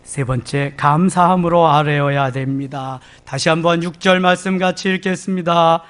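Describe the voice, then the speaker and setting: A man's voice: on the high side, normal speed, fairly bright tone, smooth. A middle-aged male pastor preaching a Sunday sermon emphatically, acting out prayers and conversations.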